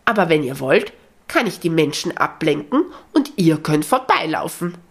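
A helpful female crow from a children's audiobook, unhurried and kind. Her voice is soft and husky, with measured, deliberate delivery, done by the storyteller. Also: medium pitch, big pitch swings.

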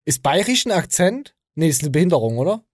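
Man, East German accent, podcast host, crude mocking rant, fairly high voice. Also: very animated, fast, no room sound, studio quality. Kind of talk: casual podcast chat.

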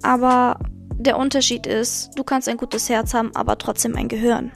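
A woman's voice: fairly high pitch, flat delivery, moderate pace, gravelly, soft background music. A young woman hosting a podcast, candidly telling a personal story and giving blunt advice straight to her listeners. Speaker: podcast host.

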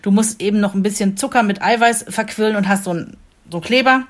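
A woman chatting casually in German, telling lively anecdotes and laughing often. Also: mid-range voice, brisk. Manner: animated storyteller, laughs often. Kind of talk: casual chat.

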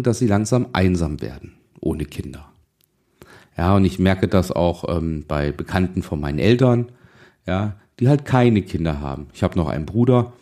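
Warm and low-pitched, the voice belongs to a financial advisor and podcast host in his forties. In a motivational monologue he addresses the listener head-on, insisting and urging through rhetorical questions.

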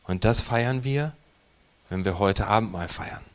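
Man preaching with hushed emphasis. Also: lowish voice, measured pace. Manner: emphatic preaching, swinging between loud stresses and hushed near-whispered lines. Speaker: pastor. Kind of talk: sermon.

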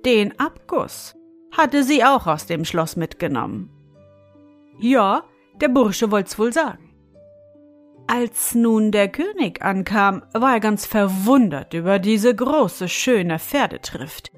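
A woman reading a fairy tale aloud, expressive and addressing the listener with little asides. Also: medium pitch. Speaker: storyteller.

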